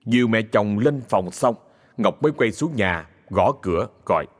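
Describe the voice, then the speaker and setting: A man's voice: fairly low pitch, expressive, moderate pace. A man narrating a ghost story with dramatic storytelling.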